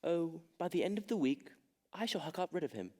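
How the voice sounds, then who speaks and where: A young man plays a proper gentleman who is tired of everything, in a school stage comedy. His delivery stays dry and weary. His pitch swings widely from line to line. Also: very animated, brisk. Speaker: stage actor in a school play.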